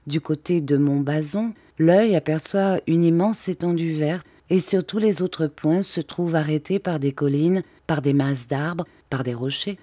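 A woman narrating a classic novel in a measured, literary reading style. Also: deep voice, dark tone, dry recording. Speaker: audiobook narrator.

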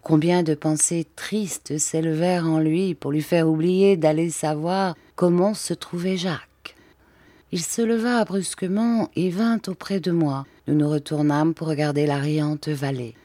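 A woman reads a classic novel aloud as scripted narration, steady and measured. Her voice is low and dark, and the recording is close and dry with no room sound. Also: dry recording. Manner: measured, literary reading. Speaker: audiobook narrator.

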